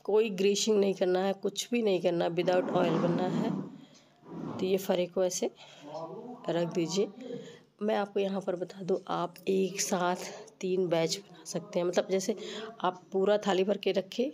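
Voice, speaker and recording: A woman narrates a recipe tutorial step by step, informally, her voice stuffy and rough with a cold. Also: on the low side, steady tone, unhurried, a crowd in the background. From Uttar Pradesh, India. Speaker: cooking channel host.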